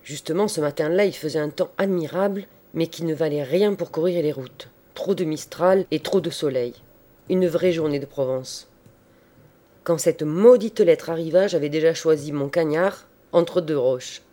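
A man narrating a literary story in a measured, expressive audiobook style. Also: on the high side.

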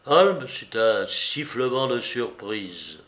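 A man narrating a classic detective story as an audiobook reader, in slow, deliberate scripted narration. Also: mid-range voice, very animated, fairly bright tone, reverberant.

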